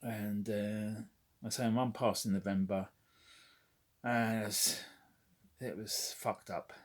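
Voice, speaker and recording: A man with a fairly low voice talks about his collection in a loose, unscripted vlog. He rambles, fills gaps with "uh", and swears casually, and he comes across as frank and conversational. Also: steady tone, slow pace. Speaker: toy collector vlogger.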